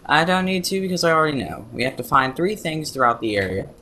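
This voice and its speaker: A man's voice: on the high side, very animated, fast, sharp tone, a little hiss or hum. A man giving casual, joking commentary as he plays through a video game. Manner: sarcastic and joking. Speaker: let's play commentator.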